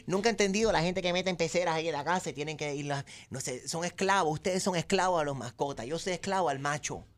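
A man's voice: fairly high pitch, fast talker. A man co-hosting a radio show who teases callers and pokes fun at pet owners. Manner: teasing, mocking. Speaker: co-host. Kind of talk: radio banter.

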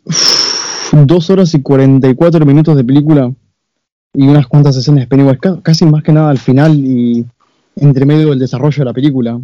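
A young man chatting about a film in a measured, analytical way. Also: medium pitch, fairly even intonation, mellow, no room sound. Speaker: co-host reviewing a film. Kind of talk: casual film review chat. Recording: dull, dry, lo-fi sound.

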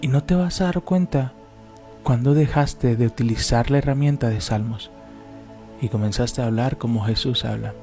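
Man, animated then prayerful. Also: mid-range voice, gravelly. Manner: animated storytelling, slows into fervent prayer. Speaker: co-host and preacher.

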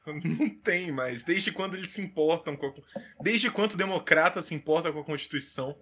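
A man co-hosting a podcast in casual political chat, throwing in quick sarcastic jabs. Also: on the high side, sharp tone. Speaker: podcast co-host.

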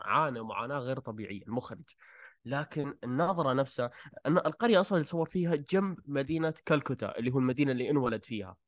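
A man with a Gulf Arabic accent chats about films as a host. He talks quickly but haltingly, circling back to filler phrases, in a dry, close sound. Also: medium pitch, dry recording. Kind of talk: casual film discussion.

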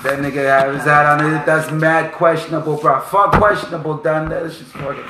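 A man's voice: fairly high pitch, fairly even intonation, normal speed. Casual podcast co-host, male, crude joker, echoey distant recording with room noise. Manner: profane, joking, slangy. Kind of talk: casual banter.

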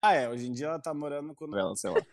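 A man's voice: a little high, lively intonation, very fast. A young man telling a story in casual chat, rambling with stammers, fillers and swearing. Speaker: co-host telling his story.

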